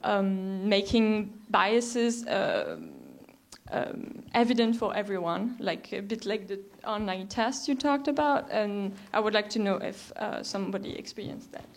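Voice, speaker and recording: A young woman speaks up at a panel discussion as a PhD student asking a question. Her delivery is hesitant, with many fillers and restarts, at an ordinary middle pitch for a woman. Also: a little slow.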